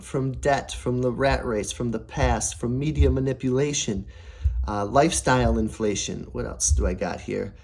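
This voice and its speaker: Man, young adult, casual finance vlog, upbeat, rambling, warm dark tone, raspy edge, voice that cracks. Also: medium pitch. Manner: upbeat, rambling, many fillers and restarts; voice prone to cracking. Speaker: personal finance vlogger. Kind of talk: casual talk to camera.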